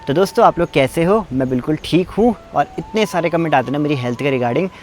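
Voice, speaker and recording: A man's voice: a little high, lively intonation, fast talker, a little hiss or hum. A young man from Uttarakhand talks casually to his viewers in a travel vlog, chatty and sometimes tripping over his words. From Uttarakhand, India. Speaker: vlogger. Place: outdoors in a mountain valley.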